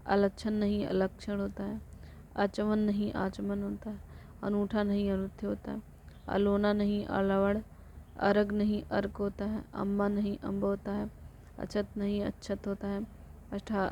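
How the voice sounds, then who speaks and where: Woman teacher, monotone rote recitation, dull lo-fi audio, faint hiss. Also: medium pitch, a little slow, creaky. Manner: flat rote recitation, corrects herself. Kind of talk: reciting exam vocabulary lists. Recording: dull lo-fi recording with faint noise.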